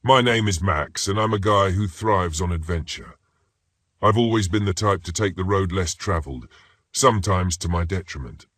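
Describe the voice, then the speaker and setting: A man reading first-person horror stories as a scripted narration, in a steady, ominous manner. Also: deep voice, normal speed, no echo.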